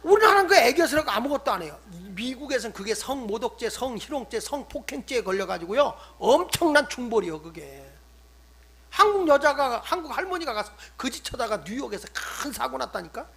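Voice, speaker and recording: An older man, a pastor, preaching a sermon, swinging between loud emphatic stresses and hushed asides. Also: very high-pitched, very animated, a little fast, slightly rough. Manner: acts out scolding quotes in conversational tone.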